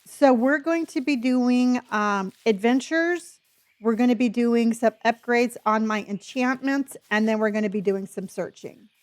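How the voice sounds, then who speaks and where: Gaming on a live stream, a woman talks chattily with her audience and calls them honey. She speaks on the high side and a little slowly, with a speech impediment that leaves her unable to say R sounds.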